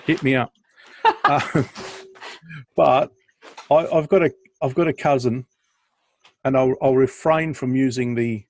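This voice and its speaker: A man's voice: medium pitch, steady tone, a little slow, long pauses, darkish tone, a little hiss or hum. Chatty man telling stories. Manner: chatty storyteller, self-deprecating, laughs a lot. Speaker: podcast co-host. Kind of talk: casual chat on a video call.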